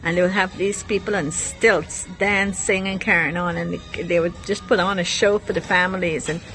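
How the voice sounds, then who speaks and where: Low-voiced woman from Guyana. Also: fairly even intonation, normal speed, fairly bright tone, faint music behind, low-quality recording. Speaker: guest sharing memories. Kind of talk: reminiscing monologue.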